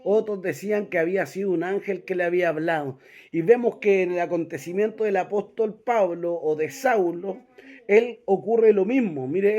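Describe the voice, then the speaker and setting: A man's voice: high voice, darkish tone. A man teaching a Bible class, reading verses aloud and often checking in with his listeners. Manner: reads scripture aloud and directs listeners to verses.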